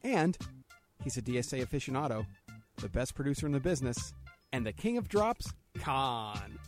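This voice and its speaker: A New Jersey podcast host broadcasts from a studio, brash and joking, swearing freely as he reads out plugs and chats with guests. His medium-pitched voice swings widely in pitch at a normal speed, with faint music behind him.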